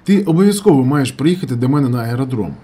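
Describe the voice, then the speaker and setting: A man's voice: medium pitch, lively intonation, fast, dark tone, a little hiss or hum, lightly acted. A man doing a pushy eccentric airfield mechanic. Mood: insistent.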